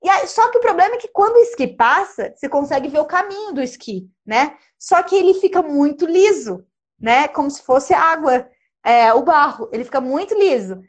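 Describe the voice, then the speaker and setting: A young woman telling a dramatic personal travel story in casual, animated chat. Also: sits high, moderate pace. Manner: lively, animated, dramatic retelling with gestures.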